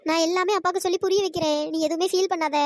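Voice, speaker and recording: A woman voicing a caring young sister in a cartoon story, who reassures and gently scolds. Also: very high-pitched, steady tone, racing, no room sound. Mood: soothing.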